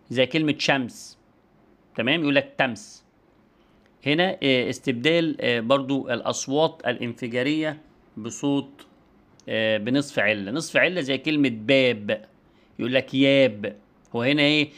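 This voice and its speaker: A man's voice: mid-range voice, a little fast, a bit bright. A man with an Egyptian Arabic accent giving an online lecture and demonstrating speech sounds as he explains.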